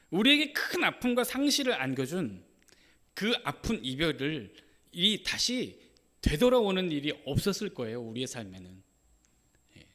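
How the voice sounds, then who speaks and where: A man's voice: high voice, a bit bright. A male pastor preaching a sermon in a conversational way, often adding a short "yes" and acting out the lines he quotes. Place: church sanctuary. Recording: reverberant church sanctuary.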